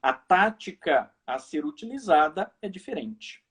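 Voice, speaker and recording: Um professor de direito brasileiro apresentando uma live, falando de forma pausada e cortês. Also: male voice, fairly high pitch, big pitch swings, breathy edge. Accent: Brazilian. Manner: measured, courteous. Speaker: host, law professor. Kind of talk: live video chat. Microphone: video call.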